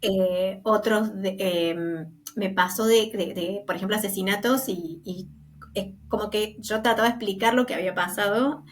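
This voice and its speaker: A woman's voice: medium pitch, fairly even intonation, normal speed, slight background noise. An Argentine woman, a guest medium in a casual interview, telling stories animatedly and acting out the voices of the people she quotes, laughing now and then. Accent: Argentine Spanish.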